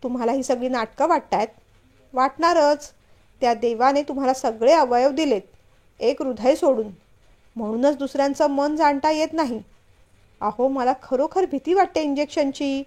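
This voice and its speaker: A woman's voice: high-pitched, moderate pace, a little mellow, natural voice. A woman reading a story, voicing a stubborn, frightened young wife who whines and refuses. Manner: whiny, stubborn.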